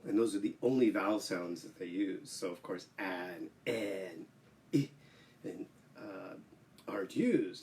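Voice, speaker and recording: Man, lowish voice, casual livestream talk, teacherly, lots of "uh" fillers, a bit far from the mic, faint background hiss. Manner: relaxed, many "uh" fillers, explanatory. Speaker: English teacher and host.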